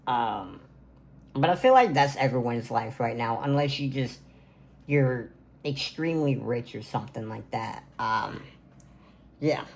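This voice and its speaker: In his twenties, a content creator rambles casually to camera for a birthday vlog, full of fillers, from his gaming room at home. His medium-pitched voice is unhurried and creaky, with long pauses and a faint hiss or hum in the background.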